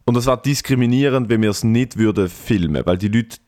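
A Swiss German man talks in a mid-pitched voice with a smoker's rasp and some phlegm. He banters casually in emphatic slang with plenty of swearing, in a dry recording. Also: brisk, darkish tone, no room sound. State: congested with phlegm. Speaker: comedian and podcast host.

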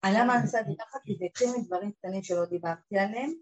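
Husky woman telling an emotional personal story. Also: lo-fi sound. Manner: emotional, acts out quoted voices, lively swings of pitch and loudness.

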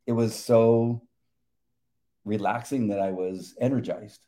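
Brief: middle-aged male co-host, mellow low voice, halting and emotional. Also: fairly even intonation. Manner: halting, emotional, laughs often. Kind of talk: casual faith talk.

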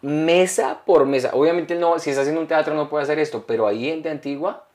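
A young man co-hosting a comedy podcast, telling stories in a lively, rambling way. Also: a little high, quick pace. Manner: animated, rambling storyteller. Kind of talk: casual podcast chat.

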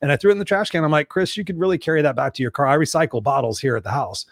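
A man in his fifties hosts an interview with a quick, rapid delivery and a somewhat raised pitch, joking around and coaxing his guest to open up. The sound is close and dry. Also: creaky, no room sound. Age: 50s. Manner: joking, talks to himself, casual swearing. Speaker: host. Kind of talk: casual interview conversation.

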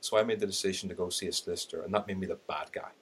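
With a deep voice and very fast delivery, a middle-aged Irish podcast guest who trains in sales and LinkedIn narrates his story candidly and animatedly. He acts out his thoughts from the time with laughing asides, and a little hiss or hum is audible.

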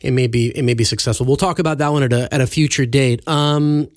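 A man co-hosting a podcast in casual debate, asking questions and steering the talk in a measured way. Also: mid-range voice, steady tone, no echo, studio quality. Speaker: podcast co-host.

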